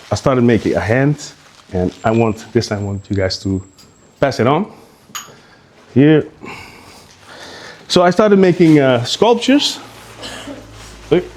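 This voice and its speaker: A man from Curaçao giving an informal live talk as a guest speaker at an art exhibition. He speaks in a halting, conversational way and often restarts his sentences. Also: a little high, darkish tone, slight background noise.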